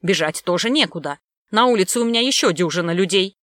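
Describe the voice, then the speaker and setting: A woman's voice: fairly low pitch, lively intonation, fast, fairly bright tone, no echo. Rich: A cold, stern official man who lectures and lays down the law without pity, played by a woman narrator. His voice sits a little raised and firm, set close and dry. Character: stern cold male government clerk.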